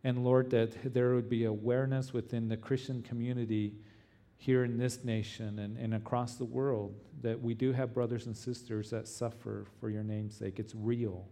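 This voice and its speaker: A man who sounds like a pastor leading an earnest, pleading prayer, speaking haltingly. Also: medium pitch, flat delivery, mellow. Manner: halting, repeatedly addressing the Lord. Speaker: pastor leading a church service.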